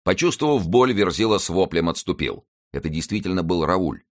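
Male audiobook reader, very low voice, lively intonation, scripted narration. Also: a little fast. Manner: lively, expressive reading. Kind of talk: scripted narration of a classic novel.

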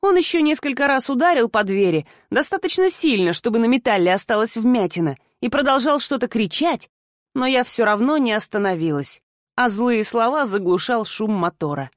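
A woman reading a first-person novel aloud, steady and even, as an audiobook narrator. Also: fairly high pitch, normal speed, no room sound, studio quality.

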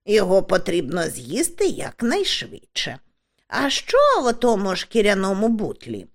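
A cheerful, bossy old witch rattles off directions and demands, her pitch leaping lively up and down, voiced by a woman narrator. She sounds brisk and sure of herself in this comic storybook reading.

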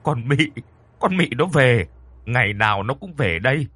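A man's voice: mid-range voice, sing-song, normal speed, a bit bright, slightly rough, dry recording. A man voicing an old man gone mad with guilt, who wails, pleads and laughs wildly. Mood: crazed.

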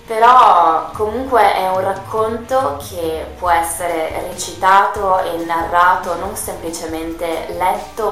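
A woman hosting a radio show reads a tale aloud with theatrical, expressive delivery. Her voice sits fairly low and rings in a very echoey space, with soft music underneath. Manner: expressive, dramatic narration with lively rises. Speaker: radio show host and storyteller. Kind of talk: theatrical storytelling reading. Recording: very echoey room with faint music.

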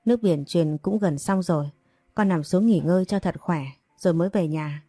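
A woman reading as a gentle caring mother. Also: lowish voice, moderate pace, no room sound, clean studio sound, lightly acted. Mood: gentle concern.

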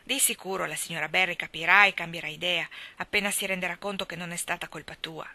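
Woman reading as Marilla, a brisk, stern older guardian. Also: on the low side, fairly even intonation, sharp tone, dry recording. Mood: firm. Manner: brisk, no-nonsense.

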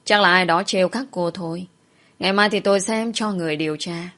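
A woman's voice: lowish voice, a little fast, fairly bright tone, close to an everyday voice. A woman voicing a male palace secretary who is easygoing and teasing, with a light, reassuring manner.

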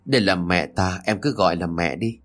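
A man's voice: low-pitched, moderate pace, a bit bright, faint music behind, voice pushed down. A man voicing the stern husband of a household in a spoken story, curt and commanding. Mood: gentle.

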